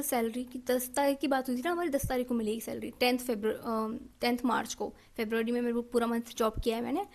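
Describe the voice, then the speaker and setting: Young woman, high voice, from India, emotional storytime, halting with fillers, mixes in English. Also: a little mellow. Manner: emotional, frequent fillers and self-corrections, mixing in English words. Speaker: vlogger. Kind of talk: personal storytime.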